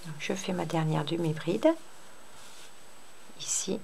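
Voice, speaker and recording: A woman hosting a crochet tutorial, explaining step by step in an unhurried, hesitant way with many fillers. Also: sits low, vocal fry, a little mellow, slight background noise. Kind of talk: casual spoken tutorial.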